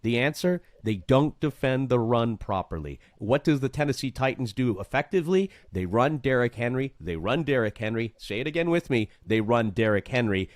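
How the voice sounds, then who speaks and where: A man's voice: medium pitch, expressive, moderate pace, hardly any pauses, no room sound, studio quality. A man hosting a sports betting chat, emphatic, asking rhetorical questions and repeating points for effect. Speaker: sports betting show host. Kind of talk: casual betting-picks chat.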